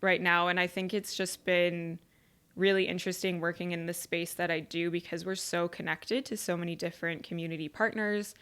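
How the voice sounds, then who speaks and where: A woman's voice: fairly low pitch, little pitch movement, a little fast, a bit bright, clean tone. A young woman from rural Ontario, chatting openly as a podcast guest and often saying "like". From rural Ontario, Canada. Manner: chatty and open, many "like" fillers. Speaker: podcast guest, charity community manager. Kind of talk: casual interview chat.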